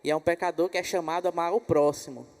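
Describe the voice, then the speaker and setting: A man's voice: a little high, fairly even intonation, fast talker, vocal fry. Brazilian male host praying in a hall. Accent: Brazilian Portuguese. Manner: gentle, warm prayer with repeated "Pai". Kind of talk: conference hosting and prayer. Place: church hall. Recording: reverberant hall.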